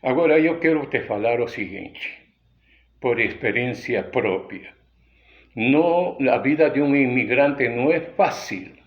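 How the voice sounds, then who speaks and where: A man from Peru, a pastor with a Peruvian Spanish accent and Spanish as his first language, giving a deliberate, unhurried sermon. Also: mid-range voice, animated, highs cut off. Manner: unhurried, deliberate teaching delivery with frequent pauses.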